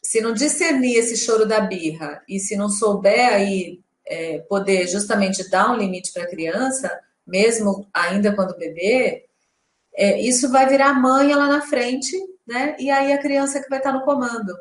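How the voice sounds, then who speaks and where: A woman's voice: on the high side, measured pace, echoey room. A woman, a mother, talking earnestly and chattily about parenting on a live stream. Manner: chatty, earnest, with many fillers. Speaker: co-host and mother.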